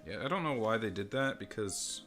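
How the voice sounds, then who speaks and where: A deep-voiced toy reviewer chats casually through an unboxing, rambling and poking fun at himself while swearing offhand. He sounds expressive, fairly quick and a bit bright, with soft music in the background, recorded on a desk microphone and a phone mic.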